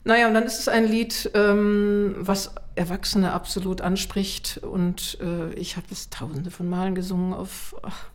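Chatty and expressive, this Munich-born middle-aged woman shares animated personal stories as an interview guest. She writes and sings children's songs, speaks in a mid-range voice at a measured pace with few pauses, and acts out remarks she remembers.

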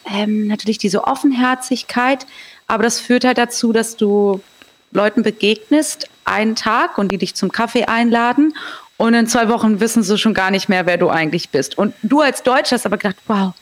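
A woman's voice: fairly high pitch, normal speed. A woman from Germany talking casually as an interview guest, with a direct, candid way of telling her experiences. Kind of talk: casual conversational storytelling.

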